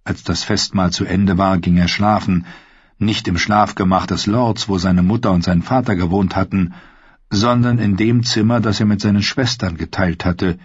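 Low husky male audiobook narrator. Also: no room sound. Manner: steady, measured reading. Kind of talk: scripted narration. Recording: slightly dull dry studio recording.

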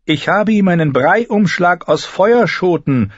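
A man's voice: high voice, animated, slow, dry recording, pitched above the performer's own voice, heavily acted. A man voicing a young queen in a storybook reading, speaking urgently and pleading. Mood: pleading, desperate. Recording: slightly dull recording.

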